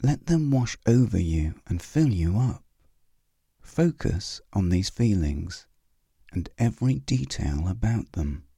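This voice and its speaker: Male meditation guide, soothing and unhurried, dry close recording. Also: on the low side, very animated, vocal fry, mellow, husky, dry recording. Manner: slow, soothing, with long pauses.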